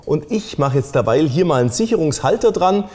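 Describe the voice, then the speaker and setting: A man's voice: a little high, animated, brisk, a little mellow. A middle-aged man explaining a car audio installation step by step in a casual, plain way while he works in a workshop. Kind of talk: hands-on installation tutorial.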